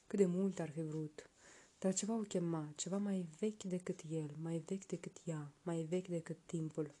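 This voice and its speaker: A woman reading a folk tale aloud in a soft, slow, hushed narration. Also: fairly low pitch, fairly even intonation. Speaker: storyteller.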